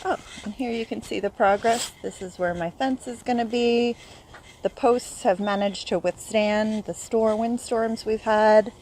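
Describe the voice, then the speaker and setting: A woman speaks at an unhurried pace in a somewhat high voice with a darkish tone, panting a bit after a run. She's a home gardener filming a chatty tour of her yard on her phone while walking, listing plants and unsure about a few. The recording is rough, with a little hiss or hum.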